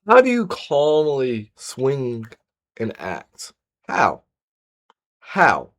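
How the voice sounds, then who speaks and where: Man, reaction commentary, incredulous, repeats himself, lively pitch swings. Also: extremely slow. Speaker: streamer reacting to videos.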